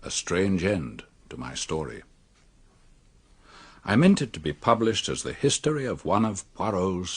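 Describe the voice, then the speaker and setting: Cornered doctor in a radio play, really deep husky voice, dry, sardonic, cynical. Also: male voice, exaggerated voice. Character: cornered male country doctor, cynical, coolly resigned murderer. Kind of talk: radio drama acting and narration.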